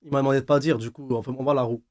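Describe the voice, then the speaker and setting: A man's voice: medium pitch, steady tone, racing, darkish tone. A young man guesting on a live stream, chatting in slangy, joking casual talk. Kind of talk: casual chat.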